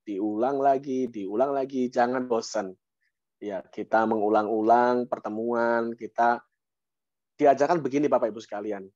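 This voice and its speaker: A man with an Indonesian accent giving a motivational mentoring talk on an online call, lively, with sudden rises and repeated phrases for emphasis. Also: medium pitch, dry recording. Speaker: guest speaker, business mentor. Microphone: online call microphone. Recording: dry, dull online-call audio.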